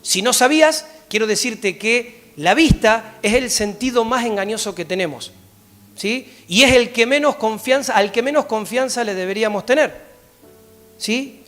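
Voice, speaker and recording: High-voiced Argentine pastor preaching. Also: male voice. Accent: Argentine Spanish. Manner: animated, often checks in with a rising "¿sí?". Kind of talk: sermon with Bible reading. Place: church.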